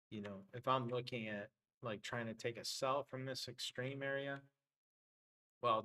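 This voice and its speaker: A man's voice: medium pitch, sharp tone, low-quality recording. A man hosting a live trading stream, talking loosely through his charts with many fillers, his voice getting worn. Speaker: trading livestream host. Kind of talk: casual live trading commentary.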